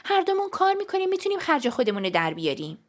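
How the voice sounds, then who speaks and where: A woman voicing an anxious, protective young sister in a storybook, speaking urgently and pleadingly in a raised, higher voice. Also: huge pitch swings, exaggerated voice.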